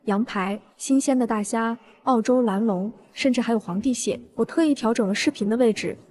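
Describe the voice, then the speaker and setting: A woman's voice: a little high, a little fast, darkish tone. A woman narrating a first-person revenge story in a cool, smug way.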